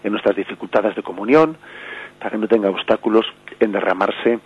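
Man, Spanish accent, radio catechism lesson, husky, dull broadcast audio. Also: on the low side, brisk. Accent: Spanish from Spain. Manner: explanatory, many fillers and rhetorical tags. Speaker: bishop teaching catechism on radio.

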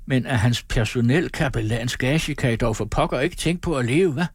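Man voicing a pompous, fumbling old father, husky voice, storybook reading. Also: mid-range voice, dry recording, studio quality, natural voice. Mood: placating. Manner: hesitant, pompous, fumbling for words. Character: elderly district official father, fussy and hesitant.

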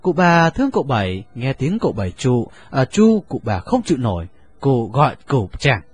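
A man narrating a story in an expressive, lively reading. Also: medium pitch, moderate pace, breathy edge, no room sound.

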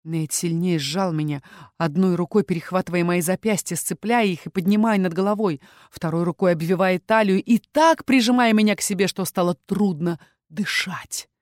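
Woman narrator, first-person fantasy romance, steady intimate read, dead-dry booth. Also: lowish voice, moderate pace, no echo. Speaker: audiobook narrator.

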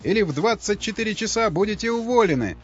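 Brief: a pompous bigwig demanding his way, voice raised high, read by a man, dull recording with faint music. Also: lively intonation, quick pace, husky. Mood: indignant. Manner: blustering, threatening. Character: arrogant well-dressed man, self-important. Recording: slightly muffled with faint music.

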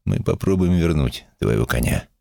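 Man reading a calm, steady young cowboy. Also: rumbling low, normal speed, gravelly, no room sound, clean studio sound, full character voice. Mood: firm.

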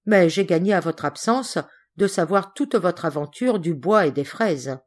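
A woman reading an audiobook aloud and voicing a plump, meddling, gossiping spinster cousin in a shrill, bossy voice. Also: animated, a little slow.

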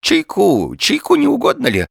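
A man voicing a jittery whiskered old man who mumbles with a toothless lisp and frets in a shrill, wailing voice. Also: wildly swooping pitch, moderate pace, gravelly, breathy edge, no echo, clean studio sound, heavily acted. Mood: eager.

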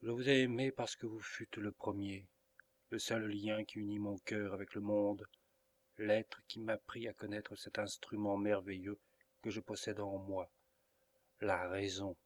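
A man's voice: on the low side, flat delivery, unhurried, lightly acted. A man reading the lines of an earnest young woman in love, in a pleading, emotional audiobook reading. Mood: tender.

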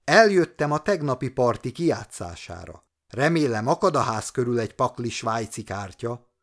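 A man's voice: mid-range voice, big pitch swings, a bit bright. A man voicing a gloomy old traveling salesman who grumbles and laments in an audiobook story. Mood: gleeful. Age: older.

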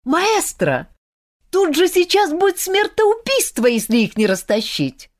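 A woman voicing an indignant young woman who scolds in a high, pleading voice. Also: wildly swooping pitch, a little slow, exaggerated voice. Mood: alarmed.

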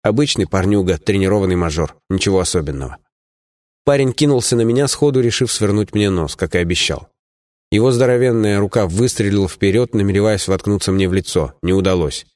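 A man's voice: fairly low pitch, fairly quick, darkish tone, no room sound, studio quality. A man reading a fantasy novel aloud in first person, plainly and evenly, with small voice changes for the dialogue. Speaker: audiobook narrator. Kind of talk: first-person audiobook narration.

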